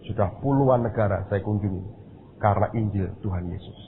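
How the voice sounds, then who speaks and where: A man's voice: on the low side, fairly quick. A middle-aged man from Indonesia, a pastor telling a story in a sermon and speaking straight to his congregation. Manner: storytelling, addresses the congregation directly. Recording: tinny phone-like sound with faint noise.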